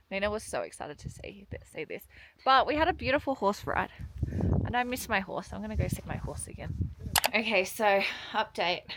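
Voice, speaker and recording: A woman's voice: medium pitch, a bit bright. A young woman vlogging casually from a mountain trek, chatty and bubbly, often laughing. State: out of breath from altitude. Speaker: travel vlogger. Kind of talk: casual vlog narration. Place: outdoors on a mountain horse trek, then indoors.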